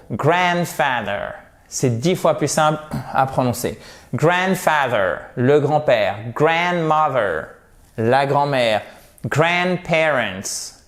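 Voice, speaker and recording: A man teaching English vocabulary as a lesson to camera, repeating words slowly and chatting between pronunciation drills. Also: mid-range voice. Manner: slow, drawn-out pronunciation drills, chatty asides.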